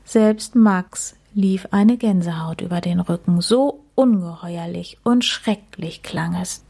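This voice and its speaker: A woman reading a children's story aloud, gentle and unhurried. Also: fairly low pitch, gravelly, husky.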